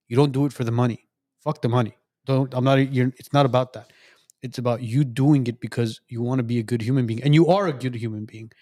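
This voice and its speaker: A man's voice: mid-range voice, a little mellow, no echo, studio quality. A man hosting a podcast, speaking in an earnest, reassuring way to his guest. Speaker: podcast host. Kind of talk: supportive conversation.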